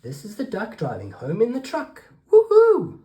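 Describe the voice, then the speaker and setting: Low-voiced woman reading a picture book aloud. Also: brisk, muffled recording. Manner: animated and expressive, with dramatic gasps. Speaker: storyteller for children.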